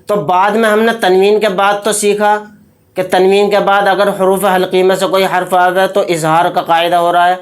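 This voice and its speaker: A Quran reading teacher giving a tajweed lesson. The teacher explains rules quickly, asks a question and answers it, then spells and recites each word slowly, syllable by syllable. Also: mid-range voice, level tone. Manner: brisk explanations alternating with slow, drawn-out syllable-by-syllable spelling.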